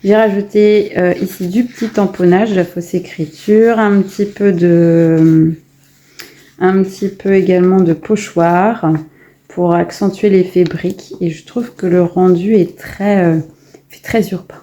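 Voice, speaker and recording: A woman's voice: fairly low pitch, fairly even intonation, a little slow, dark tone. A woman casually showing her finished coloring pages in a vlog, chatty and full of hesitations and restarts. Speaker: coloring vlogger. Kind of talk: casual show-and-tell vlog.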